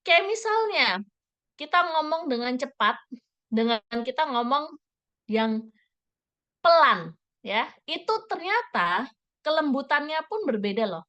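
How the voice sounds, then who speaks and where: A woman trainer leading a parenting workshop, lively and asking her audience many questions. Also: high-pitched, a little slow, long pauses, muffled recording. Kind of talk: interactive workshop talk.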